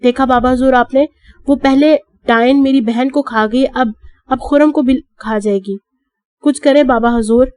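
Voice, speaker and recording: An enraged aunt who pleads and accuses in turn, voiced by a woman narrator. Her tone is shrill and her pitch sits a little high. The sound is dry and close. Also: fairly even intonation, darkish tone, no echo, lightly acted. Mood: pleading, wailing. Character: furious grieving middle-aged aunt.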